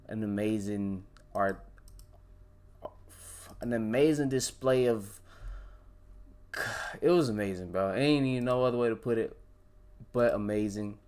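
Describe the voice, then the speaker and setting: Excitable young man chatting on stream. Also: mid-range voice, clear, resonant tone. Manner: animated, excitable, swears freely, says "bro" often. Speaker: live-stream host reacting to manga. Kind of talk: casual live-stream chat.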